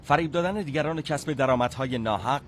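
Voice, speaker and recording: A man reads a scripted, moralizing narration at a measured pace. His voice is steady and mid-pitched. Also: a little hiss or hum.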